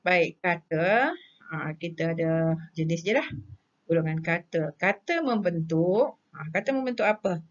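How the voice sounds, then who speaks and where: A woman's voice: lowish voice, normal speed. A woman teacher with a Malaysian Malay accent gives a recorded grammar lesson. She lists terms one by one and asks questions that she then answers herself. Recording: dull lo-fi recording.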